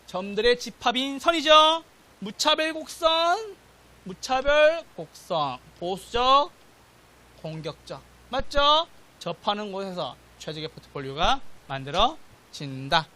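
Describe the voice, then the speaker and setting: A middle-aged man teaching an exam-prep class, lively and constantly checking that students follow. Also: very high-pitched, measured pace. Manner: animated, checks in with "맞죠?" and "됐죠?", acts out quotes. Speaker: real estate exam lecturer. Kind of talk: classroom lecture.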